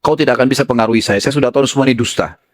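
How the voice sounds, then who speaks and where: A man's voice: mid-range voice, rapid-fire, natural voice. A man preacher voicing a defiant, devout young man who speaks out firmly and earnestly against deceit. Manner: firm, earnest admonishing.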